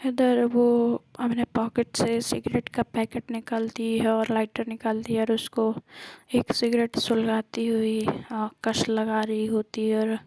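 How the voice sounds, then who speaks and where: Slow, flat, husky woman storyteller. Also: fairly high pitch, no room sound, poor audio. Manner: hesitant, many filler pauses; soft, half-whispered delivery. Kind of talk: casual story retelling.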